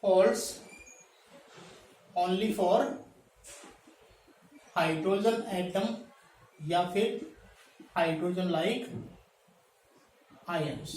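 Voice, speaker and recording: A male teacher giving a classroom chemistry lecture. He addresses students as "beta" and keeps checking in with "thik hai", slowing down to dictate terms. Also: high-pitched. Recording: echoey room, mic at a distance.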